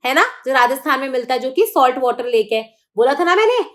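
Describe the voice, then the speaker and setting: High-voiced woman teaching an online class. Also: sing-song, fast, fairly bright tone. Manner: explains in Hindi mixed with English terms, checks understanding often. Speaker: exam prep teacher. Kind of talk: online lecture.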